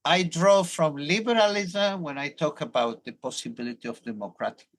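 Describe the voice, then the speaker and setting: An Argentine-born man in his sixties, a professor appearing as a guest in an academic interview, explains his research at length in English with a Hebrew accent. His voice is on the high side at normal speed, and he is thoughtful and explanatory, often restarting sentences.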